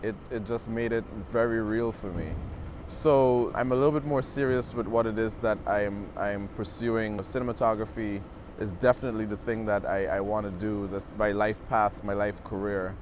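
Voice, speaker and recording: Low-voiced young man, earnest. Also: steady tone, normal speed, slight background noise. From Guyana. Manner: earnest, reflective, casual with many "like" fillers. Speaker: film student. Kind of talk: documentary interview.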